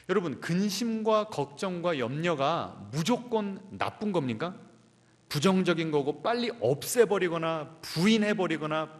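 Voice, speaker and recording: Lively Korean pastor preaching in a reverberant hall. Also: male voice, fairly high pitch. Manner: asks the congregation questions and answers them; acts out inner voices in quotes. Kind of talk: sermon. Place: church sanctuary.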